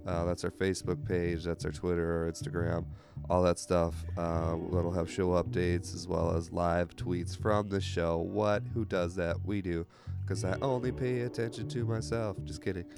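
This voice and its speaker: A man's voice: deep voice, monotone, normal speed, creaky, hardly any pauses, music in the background. Congested man hosting a podcast. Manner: rambling, self-deprecating jokes. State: congested from illness. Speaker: podcast host. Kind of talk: casual podcast chat.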